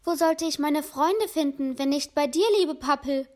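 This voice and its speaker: A woman's voice: high-pitched, moderate pace, a little mellow, close to an everyday voice. A woman voicing a kind little male sparrow in a storybook reading. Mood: warm.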